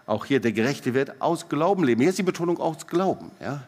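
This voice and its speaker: A middle-aged man preaching a sermon, swinging between loud emphatic rises and soft quiet drops, often putting questions straight to the congregation. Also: a little high, lively intonation, brisk. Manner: asks the congregation direct questions. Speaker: pastor. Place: church hall. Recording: long church hall reverb.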